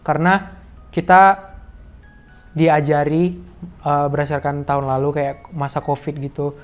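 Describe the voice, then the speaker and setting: A man of about twenty rambles casually to camera, leaning on fillers. His voice is smooth and resonant and a bit high for a man. The recording sounds slightly dull and muffled. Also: level tone, unhurried, soft background music. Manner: rambling, heavy use of fillers.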